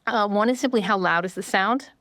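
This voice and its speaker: A middle-aged neuroscientist from rural Vermont appears as a guest, explaining how hearing works in a thoughtful, conversational way with frequent affirming fillers. Her mid-range voice is fairly quick and fairly bright, with no room sound at all.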